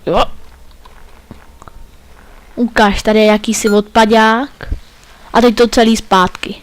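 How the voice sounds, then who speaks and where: A man's voice: high-pitched, flat delivery. A man giving playful, joking commentary while playing a video game. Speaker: let's play gamer.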